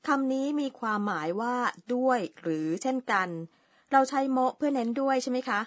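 Lady co-host in a language lesson, higher voice, a bit husky, asks curious questions. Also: normal speed. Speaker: co-host learner.

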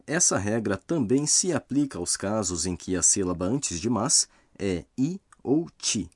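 A man narrating a scripted language lesson, explaining grammar rules slowly and carefully. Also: lowish voice, very animated, a little mellow, husky, no echo, studio quality.

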